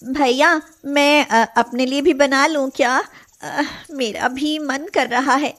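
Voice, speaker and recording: A woman voicing a meek, mistreated younger sister, plaintive and hesitant, in an animated moral story. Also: high voice, slow pace. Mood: timid.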